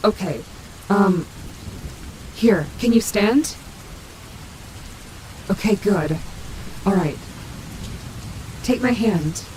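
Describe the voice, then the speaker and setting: A woman's voice: medium pitch, expressive, extremely slow, pauses often, mellow, rough recording. A woman playing a female animatronic wolf in an audio roleplay, vain and sassy but protective and maternal, talking casually. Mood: gentle, reassuring. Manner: sassy, casual, swearing, muttering asides to herself. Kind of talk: character audio roleplay, speaking to listener. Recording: heavy rain and thunder noise behind. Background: rainstorm sound effects.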